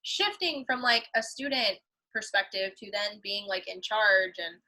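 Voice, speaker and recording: Bright-voiced young woman ballet teacher. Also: medium pitch, a little slow, low-quality recording. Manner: chatty, filler-heavy, laughs often. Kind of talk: casual chat.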